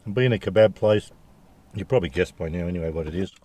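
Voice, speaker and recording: A man's voice: deep voice, fast talker, warm tone. A man with an Australian accent chatting casually to viewers as a food review vlogger, jokey and full of slang.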